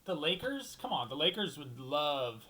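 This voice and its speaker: A man's voice: on the high side, very animated, normal speed, pushed and bright, low-quality recording. A young man hosting a solo basketball talk show, rambling and thinking aloud, restarting sentences and swearing casually.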